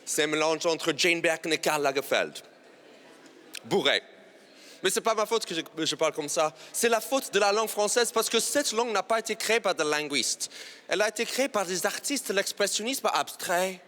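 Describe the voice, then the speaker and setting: A man with an American accent performs playful stand-up in French, mocking himself with timed punchlines. His voice sits high and swings widely in pitch. He is a native English speaker from New York. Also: lively intonation, normal speed, sharp tone. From New York, USA. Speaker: comedian guest. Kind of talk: stand-up comedy routine. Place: TV studio.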